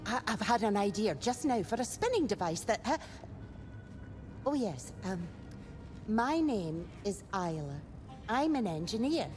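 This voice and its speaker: An actress voicing an eager, scatterbrained inventor in a video game, flustered and easily distracted. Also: female voice, mid-range voice, sing-song, unhurried, pauses often, darkish tone, faint music behind. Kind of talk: video game character dialogue.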